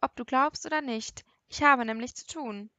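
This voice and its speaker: A woman's voice: high voice, normal speed, bright, forceful tone, no echo. Woman reading a smug teasing young guy, sarcastic, dry close sound. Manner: mocking, sarcastic. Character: cocky teasing young man.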